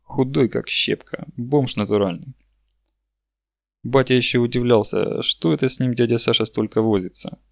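A man voicing a blunt, talkative young male villager in a book reading, speaking loudly and roughly. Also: mid-range voice, normal speed, dry recording, studio quality, lightly acted. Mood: grim.

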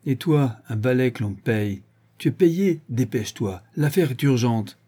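A man's voice: medium pitch, animated, measured pace, breathy edge. A man voicing a brutal, drunken, grandiose male villain who rants and hurls insults, in an audiobook reading. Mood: scornful. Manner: ranting, exalted, shouting insults.

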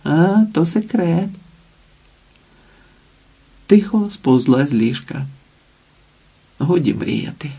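Gravelly, husky male audiobook narrator. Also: medium pitch, a little mellow, low-quality recording. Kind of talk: scripted narration.

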